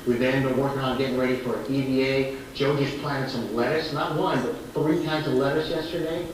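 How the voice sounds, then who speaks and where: A man's voice arrives over a space-to-ground radio downlink, distant and echoey, with a clear hiss under it. He talks easily and plainly as an astronaut, pausing now and then. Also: mid-range voice. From former Marine test pilot. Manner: relaxed, plainspoken, slight hesitations.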